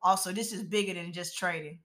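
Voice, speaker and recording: A young adult woman hosting a casual devotional call, reading scripture aloud slowly and then explaining it in loose, slangy everyday talk. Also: lowish voice, fairly bright tone. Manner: conversational and slangy, reads verses aloud slowly then riffs on them. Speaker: host leading a daily devotional call.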